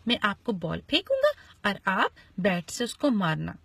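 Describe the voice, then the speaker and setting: A woman's voice: mid-range voice, wildly swooping pitch, unhurried, gravelly, a bit bright, husky, dry recording, heavily acted. A woman doing a friendly little boy. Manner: cheerful and coaxing. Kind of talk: children's storytelling.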